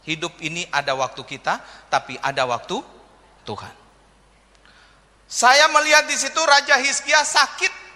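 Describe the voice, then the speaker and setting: A pastor delivering a sermon, telling humorous stories and acting out quotes from people. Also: male voice, extremely high pitch, a little slow, pauses often, pushed and bright. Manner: humorous storytelling with acted quotes. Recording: long hall reverb.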